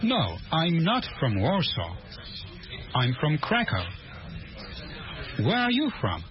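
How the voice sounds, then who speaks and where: Careful student, very animated pitch. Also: male voice, crowd noise, heavily acted. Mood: polite, careful. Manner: careful, halting speech of a language learner. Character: polite Polish student, learning English, eager and uncertain. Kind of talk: slow, simple scripted language-lesson drama. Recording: muffled lo-fi lesson audio, music behind.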